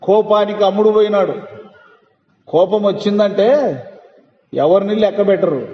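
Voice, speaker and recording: A man's voice: sits high, normal speed. A man preaching a sermon as pastor, emphatic and quizzing his congregation with questions. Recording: echoey hall, muffled lo-fi sound.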